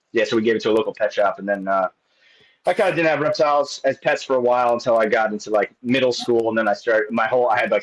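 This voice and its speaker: A man's voice: on the low side, lo-fi sound. A man in his late thirties, a guest in casual chat, rambling along with many restarts and fillers. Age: 30s.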